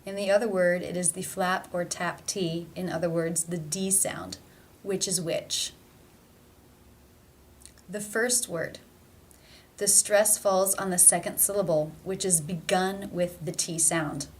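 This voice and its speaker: A woman leads a pronunciation lesson at an unhurried, careful pace. She states each rule plainly, then says the example word twice, slowly and deliberately. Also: on the low side, steady tone, slight background noise. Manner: slow and deliberate, repeating example words. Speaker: pronunciation teacher.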